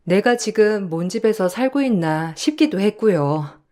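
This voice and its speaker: A woman's voice: medium pitch, animated, moderate pace, mellow. A woman reading a first-person story aloud in an emotional, confiding way. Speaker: story narrator.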